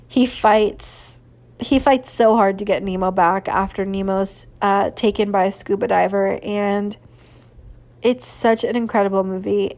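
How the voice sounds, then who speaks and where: A woman's voice: mid-range voice, darkish tone. Gushing woman hosting a podcast. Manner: gushing and sentimental, with frequent fillers. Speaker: podcast host. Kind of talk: casual solo podcast chat.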